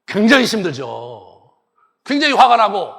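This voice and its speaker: A male pastor giving a sermon and telling the story in a lively way, acting out the characters. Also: high voice, moderate pace, gravelly. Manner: animated storytelling, acts out the characters. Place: church sanctuary. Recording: long church hall reverb.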